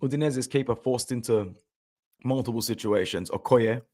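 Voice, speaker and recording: A young man hosting a casual football fan stream, chatting and reacting aloud to match highlights, with loud outbursts and low muttered asides. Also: normal speed. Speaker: football fan channel host. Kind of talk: casual live-stream commentary.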